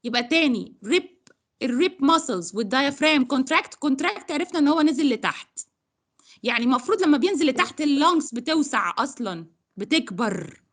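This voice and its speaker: High-pitched egyptian lady tutoring science over a video call, patient, going back and forth between arabic and english. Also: expressive, a little fast, fairly bright tone. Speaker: science teacher. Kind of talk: online tutoring lesson.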